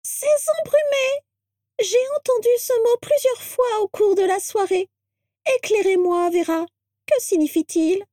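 A high, shrill old witch trapped in a portrait fusses and scolds in a thin, rattling voice. Her voice lies far above the reader's own and sounds strained and unusual. The recording is dry and close. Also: a little slow, warm tone, no room sound. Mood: fretful curious. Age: older. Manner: anxious, scolding, grateful.

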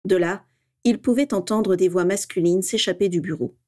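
Woman narrator, steady expressive storytelling, mid pitch. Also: normal speed. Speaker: reader. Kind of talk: story reading aloud.

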